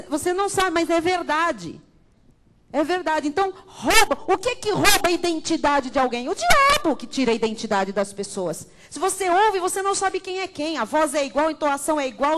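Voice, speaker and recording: A woman pastor teaching from the pulpit with a bright, high voice. She preaches emphatically and keeps calling her congregation beloved. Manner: emphatic, addresses listeners as beloved. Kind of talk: Bible study sermon.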